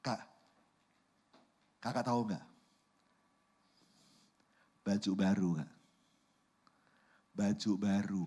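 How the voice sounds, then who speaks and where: A man voicing an excitable young boy who yells at his older brothers and pesters them, with a whiny, boastful tone. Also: fairly low pitch, extremely slow, long pauses, breathy edge, pitched below the performer's own voice, full character voice. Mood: whiny boasting.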